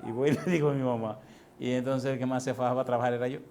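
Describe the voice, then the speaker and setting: A man preaching a sermon as pastor, asking the congregation questions and telling lively personal stories. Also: mid-range voice, rapid-fire, a little hiss or hum. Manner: preaches with call-and-response questions and lively storytelling.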